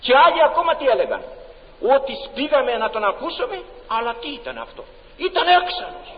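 A male preacher with a very high voice delivers an impassioned, emphatic sermon full of rhetorical questions. The recording is dull and lo-fi, with long reverb from a large church hall. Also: wildly swooping pitch.

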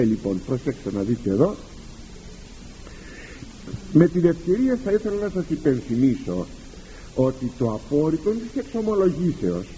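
A Greek priest giving a sermon to his congregation, animated and rhetorical, acting out quoted exchanges with the faithful. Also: a little high, dull audio, slight background noise. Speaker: priest and confessor.

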